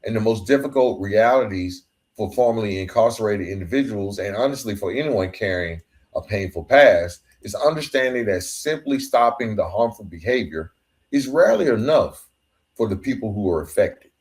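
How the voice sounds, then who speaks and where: Speaking at normal speed with lively intonation, a lowish-voiced man hosts a podcast and delivers a solo motivational monologue. He is earnest, emphatic and colloquial, and sometimes stumbles over his words.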